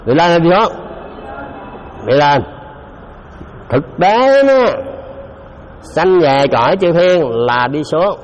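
A man's voice: fairly high pitch, big pitch swings, takes it slowly, long pauses, a little hiss or hum. A man giving a Buddhist dharma talk, speaking conversationally and often putting questions to his listeners. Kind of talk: dharma talk to a live audience. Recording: dull lo-fi recording in a reverberant hall.

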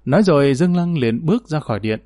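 A man's voice: on the high side, fast talker, no room sound, soft background music. Man narrating a historical tale, dry. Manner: steady storytelling, lifting his voice for quoted characters. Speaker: audiobook narrator. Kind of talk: scripted narration of a historical novel.

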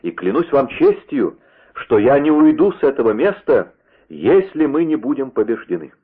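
A man reading a proud, hot-blooded young swordsman in a lowered, earnest voice, on a tinny radio-like line. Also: very animated, normal speed, breathy edge. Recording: tinny phone-like radio sound.

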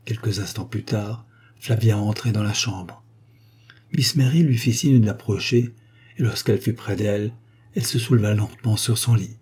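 A male audiobook narrator reads a classic novel in a measured, expressive way. His voice is fairly low and dark in tone. A husky grain runs through it. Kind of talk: scripted literary narration.

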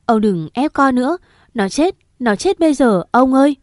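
A woman's voice: fairly high pitch, animated, moderate pace, a little mellow, dry recording, studio quality, natural voice. Woman doing a sobbing, desperate mother. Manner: sobbing, pleading. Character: middle-aged mother, grieving and desperate.

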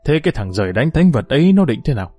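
A man's voice: medium pitch, sing-song, very fast, mellow, slightly rough, dry recording. A man voicing an earnest, fretful old village grandmother in a story reading, with faint music behind. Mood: scolding.

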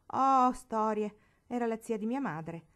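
A woman voicing a spiteful, bratty rich girl in a storybook reading, taunting and shrill when angry. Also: lively intonation, normal speed, darkish tone. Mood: breezy.

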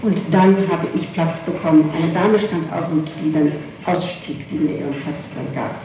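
An old tape captures a low-voiced woman being questioned by police, distant from the mic in a heavily echoing room with clear noise on top. Her replies are halting; she keeps correcting herself and pressing on specifics.

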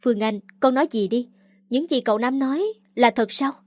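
A worried mother pleads anxiously, as a woman narrator reads her part. The voice is a touch high and recorded dry and close. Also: a little fast, no room sound, lightly acted. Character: anxious middle-aged mother.

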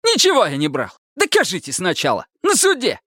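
Squealing defiant small-time thief, crude, very high pitched. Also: male voice, wildly swooping pitch, fairly quick, pushed and bright, no echo, studio quality, exaggerated voice. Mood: shrill protest. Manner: shrieking, squealing, crude slang. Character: shrill bald male petty thief, defiant, whining.

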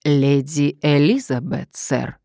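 Brief: woman reading a stiff butler, formally polite and immovable, low and dry. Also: slow pace, creaky, dark tone, no room sound, exaggerated voice. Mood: coolly firm. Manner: formal, unbending courtesy. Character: stone-faced male butler, stiffly polite. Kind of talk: audiobook character reading.

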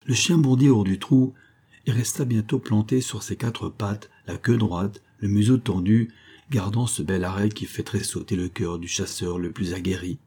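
Low, husky male audiobook narrator. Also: steady tone, normal speed, dark tone. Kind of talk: scripted narration of a classic novel.

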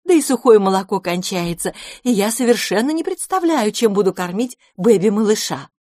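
A woman's voice: mid-range voice, expressive, fairly quick, darkish tone, no room sound, voice pushed up, close to an everyday voice. Woman doing a storybook domovoy mother: kind, worried, slightly breathless, dry sound.

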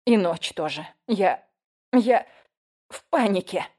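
A woman's voice: medium pitch, expressive, takes it slowly, warm tone. A woman reading an audiobook, voicing a frightened woman who whines and pleads for help. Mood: scared. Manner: whining, anxious, breathless.

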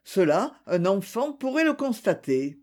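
A man's voice: high-pitched, big pitch swings, measured pace, a little mellow. A man voicing a forensic doctor who speaks in a dry, matter-of-fact way. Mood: puzzled.

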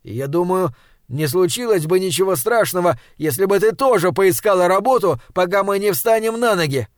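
A man voicing a tired, passive young man in an audiobook, speaking flatly and resignedly. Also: high-pitched, normal speed, dry recording, studio quality, voice pushed up. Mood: weary.

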